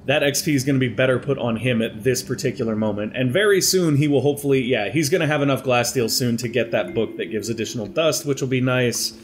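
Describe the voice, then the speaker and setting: Talking quickly with hardly any pauses, a young gaming commentator with a mid-range voice plays a strategy game over a headset mic, against slight background noise. He sounds a little congested from allergies and chats through his planned moves out loud for his let's play.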